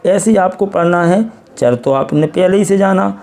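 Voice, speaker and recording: In this classroom-style phonics lesson, the teacher is an Indian man with an Indian accent whose voice is high-pitched and darkish, moving at a normal pace. He builds English reading skills step by step, repeating words patiently and testing the listener.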